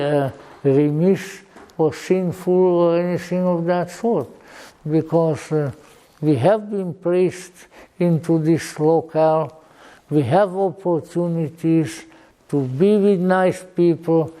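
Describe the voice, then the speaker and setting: An elderly man speaks with a Hungarian accent in a mellow voice that sits a little high for a man. He reminisces to listeners slowly and deliberately, often halting. His wording is formal and old-fashioned, with a dry sense of humour. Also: fairly even intonation, low-quality recording. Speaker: lecturer. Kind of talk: informal rambling reminiscence to an audience.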